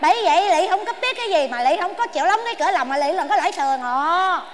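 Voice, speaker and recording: A woman playing a shrill bickering old wife. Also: animated, a little hiss or hum. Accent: Southern Vietnamese. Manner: shrill, whiny and quick-tongued. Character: bickering stubborn elderly wife. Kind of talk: stage comedy sketch.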